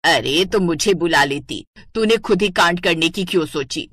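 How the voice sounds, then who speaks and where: Leela, a fretful old mother-in-law in a cartoon story, voiced by a woman, forever scolding. The voice is bright and forceful but husky, pitched a little low. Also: normal speed, no echo. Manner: scolding, nagging. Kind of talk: cartoon voice acting.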